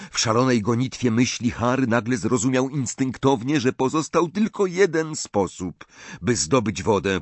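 A man narrating an audiobook dramatically in a measured, expressive reading. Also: lowish voice, no echo.

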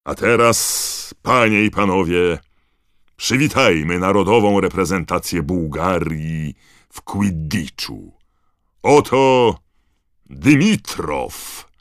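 A man voicing a booming male stadium announcer who calls out names to a crowd, in an audiobook reading. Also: lively intonation, slow, a bit bright, dry recording, studio quality, full character voice. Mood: booming, announcing.

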